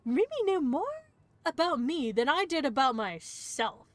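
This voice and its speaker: High-voiced woman reading a game aloud. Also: animated, measured pace, no echo. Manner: reads narration aloud, breaks off for playful asides. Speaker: streamer. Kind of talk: reading a visual novel aloud on stream.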